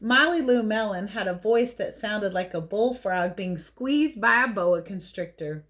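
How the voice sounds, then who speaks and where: This woman teacher speaks in an unhurried, mid-range voice that's a bit bright as she reads a picture book to children. Her telling is expressive, peppered with playful, chatty asides about the illustrations, animated read-aloud storytelling throughout.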